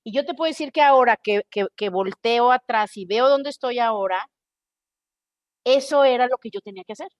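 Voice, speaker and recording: A Mexican woman hosting a podcast, telling a personal story in a casual, expressive monologue and acting out the voices in her head. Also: on the high side, fairly quick, no room sound. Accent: Mexican Spanish. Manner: expressive, animated storytelling with quoted inner voices. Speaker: podcast host.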